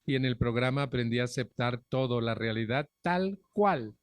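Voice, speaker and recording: A man's voice: mid-range voice, normal speed, no echo. A middle-aged man with a Mexican Spanish accent, giving a frank personal testimony at a recovery group meeting on a stand microphone, speaking bluntly with earthy profanity and direct questions to the audience.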